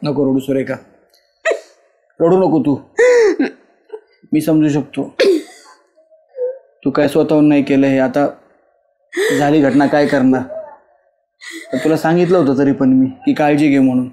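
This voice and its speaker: A man playing a rural husband who gently and repeatedly reassures his grieving wife in a village web drama. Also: mid-range voice, fairly even intonation, a little slow, long pauses, natural voice. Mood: consoling. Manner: soothing, reassuring, repetitive.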